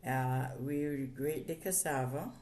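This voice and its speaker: A woman's voice: a bass voice, slow pace, a little mellow. An older woman with a Jamaican accent, chatting casually as her daughter's interview guest and explaining things step by step. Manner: explains step by step, laughs often. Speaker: interview guest, the host's mother. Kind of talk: casual chat.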